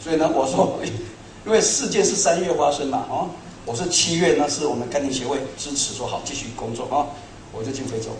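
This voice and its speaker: A middle-aged man preaching a sermon to a congregation, telling stories in an animated, self-mocking way. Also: a little high, fairly quick, a little hiss or hum. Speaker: pastor. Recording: echoey hall, speaker far from mic.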